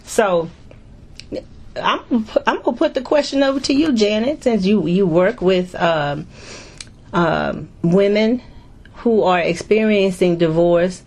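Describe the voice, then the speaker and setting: A middle-aged woman hosting a casual discussion, chatty and warm, often repeating words as she goes. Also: medium pitch, slow. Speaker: host.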